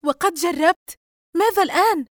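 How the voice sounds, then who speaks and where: A panicky young woman played by a woman reader, her voice pushed high and tight with fear. Every line comes out strained and urgent, in a close, dry storybook recording. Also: lively intonation, quick pace, a little mellow, dry recording, natural voice. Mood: frightened. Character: frightened young woman Yusra, tense and panicky.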